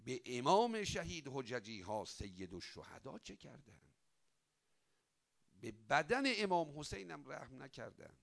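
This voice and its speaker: A man delivering a religious sermon, voice rising loud and sinking soft, drawing out chanted prayers. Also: medium pitch, big pitch swings, gravelly. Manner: dramatic rise and fall, swelling loud then dropping soft; chants quoted prayers with drawn-out emphasis. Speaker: cleric.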